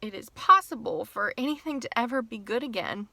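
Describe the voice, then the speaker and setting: Gravelly, bright-voiced woman vlogging from a car. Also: fairly high pitch, expressive, fairly quick, no echo. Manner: emotional, tearful at times, rambling. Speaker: author and teacher. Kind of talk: casual personal vlog. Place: parked car.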